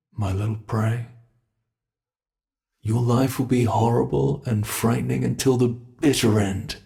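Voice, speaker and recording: In an ASMR horror roleplay, a British man voices a cruel monster who keeps a human captive, taunting in a slow, mocking manner. His voice is medium-pitched, creaky, and a little mellow.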